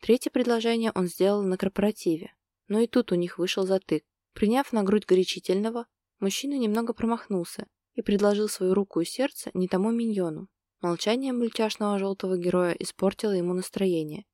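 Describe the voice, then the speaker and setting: A woman narrating a romance novel as an audiobook, telling it in an even, steady way. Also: mid-range voice, dry recording, clean studio sound.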